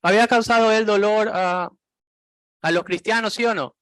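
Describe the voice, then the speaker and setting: A man's voice: high voice, normal speed, fairly bright tone, dry recording. A man preaching a sermon as pastor, reading Bible verses aloud and putting many questions to the congregation.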